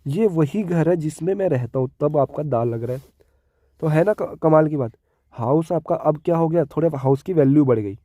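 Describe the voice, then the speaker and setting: A man's voice: on the high side, warm tone, dry recording, studio quality. A man with a Hindi accent teaching an English grammar lesson, explaining step by step and often checking in with his listeners. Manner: repeats key words and keeps checking with "ठीक है".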